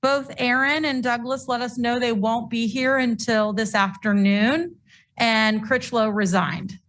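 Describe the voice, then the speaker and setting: A woman informally facilitating a meeting, speaking hesitantly with frequent pauses. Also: fairly high pitch, steady tone, fairly bright tone.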